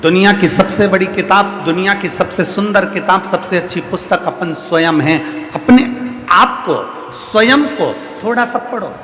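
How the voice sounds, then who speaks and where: A man's voice: high-pitched, a little slow, pushed and bright. A man preaching a devotional sermon to a live audience, driving his points home with emphatic repeated refrains. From India. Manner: rhetorical repetition, emphatic refrains. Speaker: kathavachak preacher. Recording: roomy reverberant hall, faint music behind.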